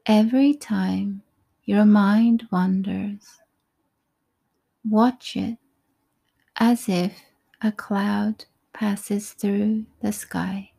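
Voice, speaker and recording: A woman leading a guided breathing meditation in a soft, breathy, calm voice, with unhurried short phrases and pauses. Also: mid-range voice. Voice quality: soft, breathy, often near a whisper.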